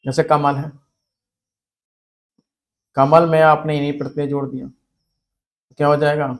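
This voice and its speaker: A man's voice: on the high side, flat delivery. Grammar teacher quizzing his class. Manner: explains by asking questions and answering them himself; repeats key words slowly. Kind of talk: spelling lesson.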